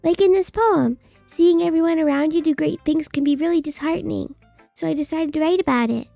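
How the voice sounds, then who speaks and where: A woman's voice: high-pitched, a little fast, vocal fry, dark tone, dry recording, soft background music, voice pushed up. A woman streamer voicing a bratty, defensive anime schoolgirl from a visual novel game in a cutesy, huffy voice. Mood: smug, earnest. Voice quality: cutesy, annoying anime-girl voice.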